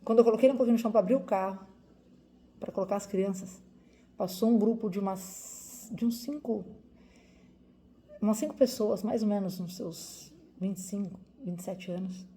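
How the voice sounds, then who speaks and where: A woman's voice: medium pitch, moderate pace, mellow, slight background noise. A woman from Brazil in her forties, a doctor, telling viewers a personal story in an emotional, vivid way with lots of repetition.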